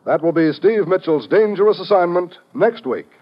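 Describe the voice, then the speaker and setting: A man's voice: high-pitched, lively intonation, normal speed. A man announcing a 1950s radio show, reading scripted promos and credits. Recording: muffled old radio broadcast, faint music.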